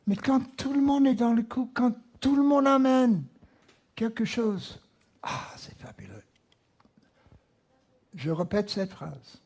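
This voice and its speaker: Preacher, male, American accent, slow and emphatic, slightly husky tone. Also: extremely high pitch, expressive, a little mellow. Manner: slow, emphatic, repeats key words. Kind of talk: sermon. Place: church.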